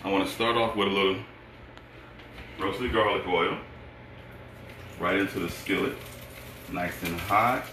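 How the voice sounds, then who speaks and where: A man's voice: deep voice, steady tone, unhurried, long pauses. A middle-aged man speaking as a cooking show host, talking viewers through each step in short, unscripted phrases with approving asides. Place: home kitchen, indoors. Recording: echoey kitchen, distant mic, sizzling pan noise. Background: frying sizzle and stirring.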